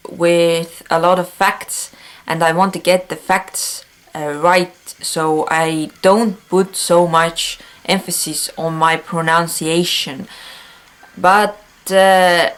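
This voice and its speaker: A woman whose first language is Estonian hosts a news vlog in English with an Estonian accent. Her voice is on the low side and a bit bright, and she speaks earnestly with frequent pauses and filler sounds.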